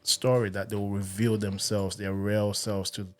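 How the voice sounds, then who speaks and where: Laid-back low-voiced man from Ghana. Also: flat delivery, moderate pace. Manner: laid-back, storytelling, laughs often. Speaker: podcast guest, singer and worship leader. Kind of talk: casual interview chat.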